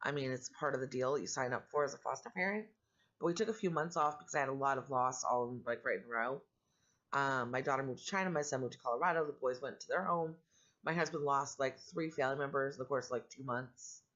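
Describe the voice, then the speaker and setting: Middle-aged woman, growly allergy-roughened voice, casual vlog chat, candid and rambling, matter-of-fact, dull lo-fi audio. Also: rumbling low, quick pace, a bit bright. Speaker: vlogger and foster parent. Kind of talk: casual personal vlog talk.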